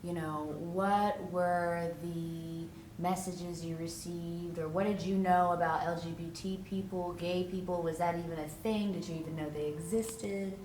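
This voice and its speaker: Young woman asking, low and roomy. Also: steady tone, a little slow, hardly any pauses, a little mellow. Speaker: interviewer, their child. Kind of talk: candid family interview. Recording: roomy, distant mic with faint hiss.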